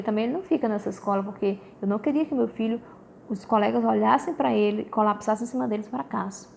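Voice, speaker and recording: Gravelly-voiced Brazilian woman telling a story. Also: a little high, a little hiss or hum. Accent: Brazilian Portuguese. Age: adult. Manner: animated storytelling, addresses listeners as "gente". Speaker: mother talking about her children and quantum physics. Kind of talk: casual spoken testimony.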